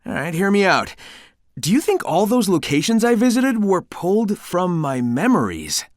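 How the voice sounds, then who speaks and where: A man's voice: sits high, big pitch swings, normal speed, dry recording, studio quality. A man voicing a cocky but caring young cartoon hedgehog hero in a video game, youthful, breezy, casual and confident. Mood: playful, curious. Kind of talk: video game character dialogue.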